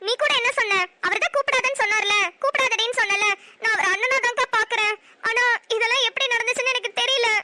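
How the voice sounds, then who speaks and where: A woman's voice: very high voice, fast, sharp tone, exaggerated voice. A woman voicing a young woman who pleads with her older sister in a cartoon series. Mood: pleading.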